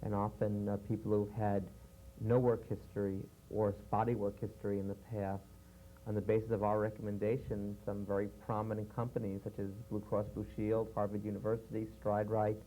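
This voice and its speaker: A man with a fairly low, mellow voice lays out the details of a training program, measured and explanatory, with the odd "uh" along the way. He is heard from a worn VHS tape copy with a faint hiss and hum underneath. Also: monotone, rough recording. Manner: measured, explanatory, with frequent fillers.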